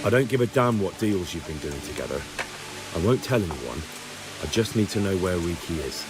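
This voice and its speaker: A man's voice: sits low, sing-song, brisk, over music. A man voicing a determined, blunt young hero in a medieval video game. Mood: insistent, threatening.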